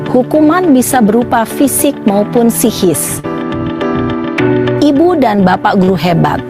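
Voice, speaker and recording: A woman teacher giving a scripted, clear and instructive narration for a training module. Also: a little high, lively intonation, a little slow. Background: loud background music.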